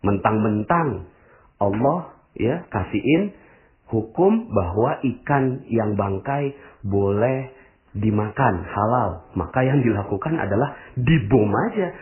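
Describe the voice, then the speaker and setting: A man's voice: lowish voice, expressive, takes it slowly. A man giving a motivational religious talk to an audience, full of rhetorical questions and direct address. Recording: tinny phone-like sound.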